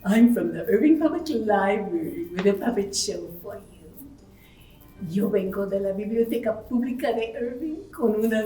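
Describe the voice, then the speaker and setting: A woman voicing a gentle, hiccuping ghost in a bilingual children's puppet show, saying each line in English and Spanish. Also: fairly high pitch. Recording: echoey room, far from the mic.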